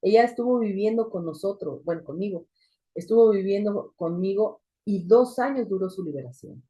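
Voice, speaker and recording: A woman's voice: mid-range voice, expressive, normal speed, mellow, slightly rough. A woman teaching a church women's group, telling a deliverance story with sudden emphatic rises. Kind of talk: testimony teaching.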